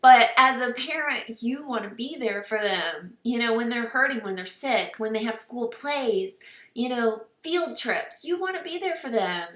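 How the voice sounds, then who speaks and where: A woman's voice: a little high, lively intonation, a little slow, a bit bright, reverberant, recorded from a distance. A woman in her thirties or forties, a team coach giving an earnest, encouraging recruiting talk with many fillers, getting teary at times. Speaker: fitness business team coach. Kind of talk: casual recruiting talk to camera.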